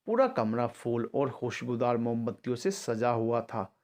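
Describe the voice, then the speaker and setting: A man narrating an emotional love story in a steady, dramatic storytelling voice. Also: medium pitch, measured pace. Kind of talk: scripted narration.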